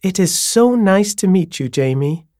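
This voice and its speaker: A man's voice: high-pitched, animated, unhurried, darkish tone, no echo, studio quality, pitched above the performer's own voice. A man voicing an eager, chatty landlady in her sixties whose voice lifts at the end of each sentence. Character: eager chatty woman landlady, sixty-ish. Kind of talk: audiobook character voice.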